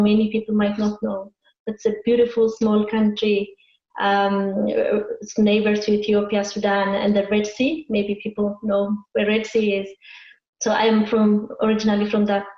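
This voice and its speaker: Woman from Eritrea, hesitant, flat pitch, dull roomy sound. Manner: hesitant, many fillers. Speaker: guest. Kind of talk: interview answers. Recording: echoey muffled video call.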